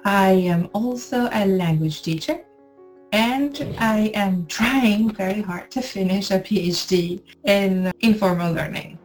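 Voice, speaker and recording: Editor, measured interview voice, mid pitch, faint music underneath. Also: female voice, rough recording. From Venezuela. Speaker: editor and language teacher. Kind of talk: interview self-introduction.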